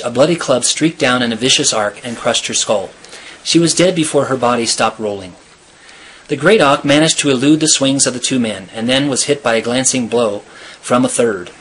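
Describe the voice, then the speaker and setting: A man reading a chapter of a novel aloud in a steady, measured storytelling manner. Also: mid-range voice, slight background noise, poor audio. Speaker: reader.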